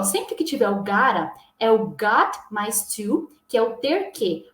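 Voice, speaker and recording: A woman's voice: on the high side, echoey room. A Brazilian woman teaching English in a casual lesson, explaining step by step and often checking in with her listeners. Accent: Brazilian Portuguese.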